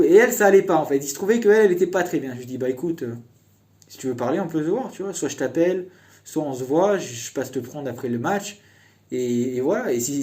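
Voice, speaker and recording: A man's voice: on the high side, dark tone. A young man casually telling a personal story in a chatty, meandering way.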